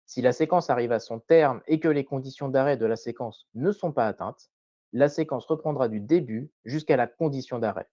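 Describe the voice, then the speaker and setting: A man presenting a scripted tutorial voice-over in a measured, didactic way, carefully enunciated. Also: mid-range voice, warm tone, no room sound, muffled recording.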